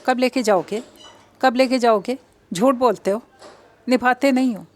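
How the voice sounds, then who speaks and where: A woman's voice: fairly high pitch, a little slow, close to an everyday voice. A woman voicing a simple-minded young man who talks like a child and pleads through tears. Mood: tearful.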